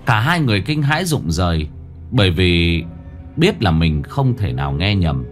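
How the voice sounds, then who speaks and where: Low, lively male horror narrator. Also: normal speed. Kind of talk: scripted horror story narration. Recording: narration over faint music.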